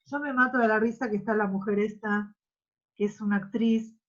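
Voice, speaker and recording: A woman's voice: mid-range voice, steady tone, brisk, a bit bright. A woman teacher with an Argentine Spanish accent, giving an online class and exaggerating syllables to demonstrate them. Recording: muffled lo-fi audio.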